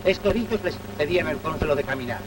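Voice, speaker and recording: A man's voice: a little high, lively intonation, fast talker. A man narrating an old 1930s newsreel in a solemn, declamatory manner. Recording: noisy, distant 1930s newsreel soundtrack.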